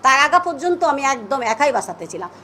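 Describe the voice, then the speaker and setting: A middle-aged woman with a Bangladeshi Bengali accent speaks at a press conference, reading a statement before emphatically recounting events in an agitated way. Her voice is high-pitched, brisk, bright and forceful, with big pitch swings and a slight hiss or hum.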